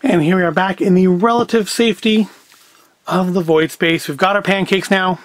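Steady and high-voiced at a moderate pace, this middle-aged man hosts a casual cooking and food review video. He jokes in a dry, self-deprecating way from his home kitchen and tabletop setup.

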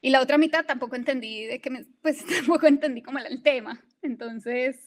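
A woman's voice: high-pitched, fairly quick. Young Colombian woman, fillers and restarts. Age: young adult. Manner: hesitant, many fillers and restarts. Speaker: guest, climate risk analyst. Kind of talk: conversational interview answers. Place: at work in Bermuda.

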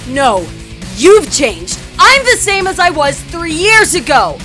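A woman plays a cynical, emotional, defiant teenage schoolgirl, secretly a model, for an amateur online radio drama. Angry and hurt, she's indignant and emphatic, her exaggerated, high voice very animated, bright and forceful, yet taking things slowly. Soft music plays in the background.

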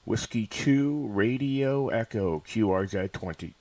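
An American amateur radio operator and livestream host makes casual contacts from a computer indoors, using callsigns and radio phrases and often repeating himself. His lowish, slightly mellow voice comes slowly through a studio microphone connected to his PC, with no echo.

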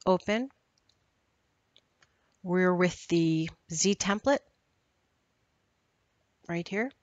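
Woman, lowish voice, patient step-by-step tutorial narrator, close dry lo-fi voice-over. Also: very slow, no room sound. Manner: steady, instructional, walks through steps. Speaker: software trainer. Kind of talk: screen-recorded software tutorial.

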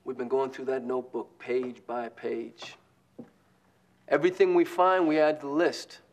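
An actor playing a stern, interrogating police sergeant in a TV crime drama. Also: male voice, mid-range voice, fairly even intonation, moderate pace, close to an everyday voice. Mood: stern, sarcastic. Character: stern male police sergeant grilling a suspect. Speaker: police detective.

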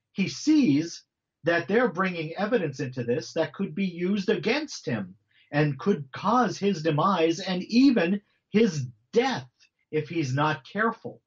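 A man's voice: a little high, a little slow, muffled recording. A middle-aged man, an author, explaining early church history in a conversational, teacherly way with frequent asides. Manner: animated, explanatory, with frequent "you know" and repeats. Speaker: author and guest on a faith podcast.

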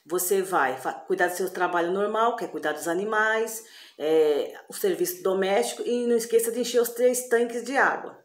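A woman's voice: mid-range voice, moderate pace, natural voice. A woman voicing a stern male wizard who scolds and gives orders, told as a spoken story. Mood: instructing. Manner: scolding, bossy commands. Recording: echoey room.

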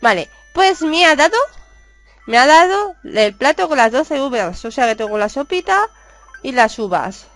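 Chatty woman from Spain, excitable. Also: sits high, moderate pace, faint music behind. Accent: Spanish from Spain. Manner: chatty and excitable, reads villager dialogue aloud. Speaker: gaming YouTuber. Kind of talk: casual game commentary.

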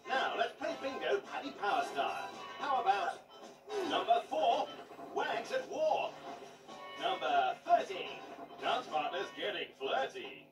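Guy doing a showy bingo caller, really high voice, swoopy, cheeky rhymes, off a telly across the room. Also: heavily acted. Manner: showy, teasing rhyming calls with drawn-out numbers. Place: TV advert picked up across a room. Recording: roomy, distant TV playback over music, crowd.

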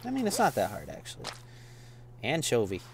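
A gameplay streamer casually comments on a farming game in laid-back, rambling let's-play style, often calling people "man." His medium-pitched voice swoops wildly and runs a little fast, with background noise behind him.

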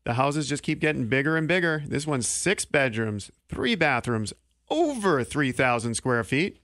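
A man in his thirties hosting a local radio talk show in a small studio, speaking into a studio mic with quick, joking delivery. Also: mid-range voice, very animated, a bit bright, dry recording. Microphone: studio mic on boom arm.

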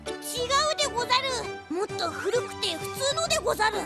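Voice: very high voice, sing-song, fairly quick. A performer voicing an honest, cheerful little monkey boy who talks in archaic samurai speech in a children's cartoon. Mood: startled, earnest. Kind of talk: children's anime cartoon acting. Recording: music under the voice.

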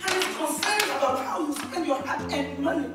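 An actress as a blunt wife pushing back hard, her voice high and insistent, with a Nigerian English accent. She is heard from a distance in an echoey room, with music playing under the scene. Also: brisk, lightly acted. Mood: scolding. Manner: scolding, insistent. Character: blunt wife who challenges her husband's spending.

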